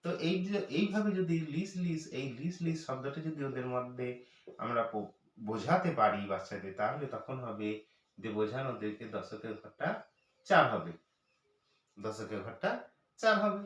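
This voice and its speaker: A man teaching children's number names as a lesson, speaking patiently and repeating each number slowly. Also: mid-range voice, lively intonation, fairly bright tone. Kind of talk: math lesson for parents and teachers. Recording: echoey room, voice from far off.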